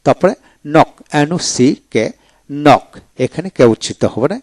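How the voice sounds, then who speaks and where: A man teaching English pronunciation in a video lecture, spelling each word letter by letter and then repeating it slowly. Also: on the high side, animated, darkish tone, dry recording.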